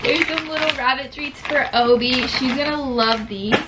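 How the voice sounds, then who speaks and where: A woman's voice: high voice, normal speed. A nineteen-year-old woman vlogging as she opens gifts, teary and gushing, filling her talk with "like" and "literally". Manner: gushing, tearful, says "like" and "literally" often. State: teary, on the verge of crying. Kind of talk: emotional unboxing vlog. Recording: distant mic with loud background noise.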